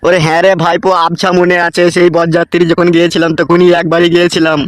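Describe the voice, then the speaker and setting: A man's voice: on the high side, monotone, dry recording, studio quality, lightly acted. A man voicing a wailing heartbroken uncle. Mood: sad. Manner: drawn-out sobbing lament, sing-song wailing. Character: grieving middle-aged uncle wailing for lost wife. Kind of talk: cartoon comedy voice acting.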